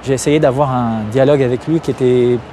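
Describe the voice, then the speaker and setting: A man's voice: mid-range voice, fairly even intonation, brisk. Hesitant man interviewed on a noisy street. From Algeria. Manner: hesitant, many fillers and restarts. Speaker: interview guest, activist. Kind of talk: candid interview.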